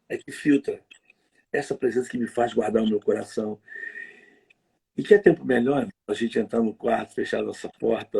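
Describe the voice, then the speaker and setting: A man preaching conversationally on a livestream, telling stories in a lively, slangy way. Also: mid-range voice, vocal fry, slightly rough. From Rio de Janeiro. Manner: lively storytelling, slangy, quick asides.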